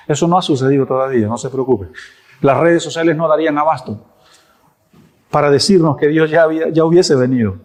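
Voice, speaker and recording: A man's voice: a little high, brisk, long pauses, a little mellow. A man preaching a sermon as pastor, emphatic, repeating phrases for stress and posing rhetorical questions. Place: church.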